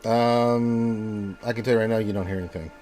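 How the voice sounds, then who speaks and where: A man's voice: fairly low pitch, fairly even intonation, moderate pace, darkish tone, a little hiss or hum. A man running a tabletop game as game master, narrating in an easygoing way with frequent laughs.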